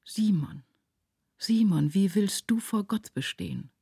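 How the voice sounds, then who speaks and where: A woman's voice: mid-range voice, a little slow, mellow, breathy edge, no echo, clean studio sound, pitched above the performer's own voice. A woman voicing an anguished widowed mother. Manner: urgent, pleading, vehement.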